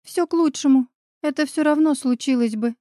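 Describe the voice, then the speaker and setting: Woman reader doing a sobbing young woman, high voice, mellow tone, dry close sound. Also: moderate pace, dry recording, close to an everyday voice. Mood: tearful. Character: tearful young woman friend, heartbroken and resigned.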